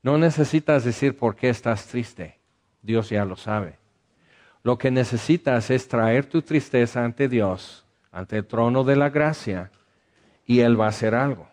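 A man, a pastor, preaching and leading a congregation in prayer, calm and measured, often dropping to a soft voice. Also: mid-range voice.

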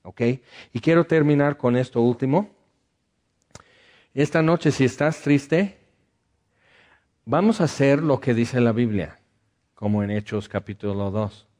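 A man, a pastor, preaching and leading a congregation in prayer, calm and measured, often dropping to a soft voice. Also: mid-range voice.

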